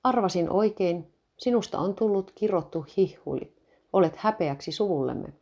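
A woman reading the lines of a stern, quick-tempered older clergyman father. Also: on the low side, animated, mellow. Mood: scolding. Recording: dull lo-fi recording.

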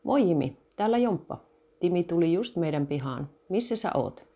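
Practical biker-mechanic man, read by a woman, helpful, dark tone. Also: lowish voice, expressive, slightly rough, highs cut off. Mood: casual, helpful. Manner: practical, gives quick repair advice. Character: man, a tinkering vintage motorcycle mechanic.

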